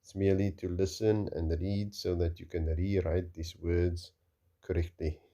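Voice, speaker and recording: A man teaching Arabic reading in a recorded lesson, slowly and patiently repeating each word several times. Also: deep voice, level tone, mellow, dull audio.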